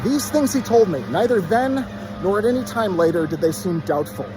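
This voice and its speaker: A man reciting a literary text by rote from memory, in short measured phrases. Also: high-pitched, expressive, noisy background.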